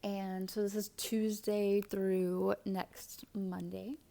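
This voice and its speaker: A woman giving a casual tarot reading, chatty, with fillers and soft whispered asides. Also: mid-range voice, little pitch movement, vocal fry. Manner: slow, thoughtful delivery with fillers. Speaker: tarot and astrology reader.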